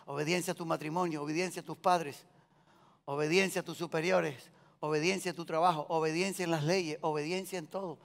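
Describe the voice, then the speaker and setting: A man preaching a sermon with a Colombian Spanish accent, calling on the congregation to answer and swinging between loud cries and quiet lines. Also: on the high side, fairly even intonation, brisk, creaky. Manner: preaching with call-and-response to the congregation. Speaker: pastor. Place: large church hall. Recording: long hall reverb.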